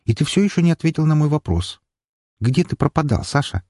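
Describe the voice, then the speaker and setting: A man voicing a stern, caring young older sister in an audiobook, reproachful and lecturing, with a husky voice. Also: fairly high pitch, sing-song, brisk, darkish tone, dry recording, clean studio sound, pitched above the performer's own voice.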